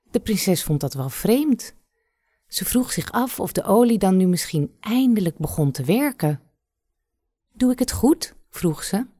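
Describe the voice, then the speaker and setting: A woman reads a fairy tale aloud, slow and measured. Her voice is fairly low, and the sound is dry and close. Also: dark tone, dry recording.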